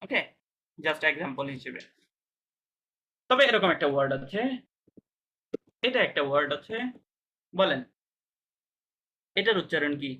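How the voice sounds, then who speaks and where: A man's voice: fairly high pitch, animated, a little slow, pauses often, pushed and bright, highs cut off. A man teaching a language class, patiently explaining pronunciation step by step and checking whether students understand.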